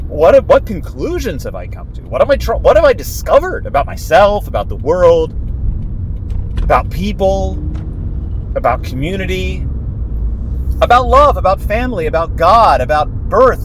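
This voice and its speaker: A man in his forties hosting a podcast while driving, talking in a rambling, self-deprecating way with theatrical asides. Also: high voice. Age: 40s. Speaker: podcast host. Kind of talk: casual solo monologue. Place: inside a moving car. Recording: road noise from a driving car.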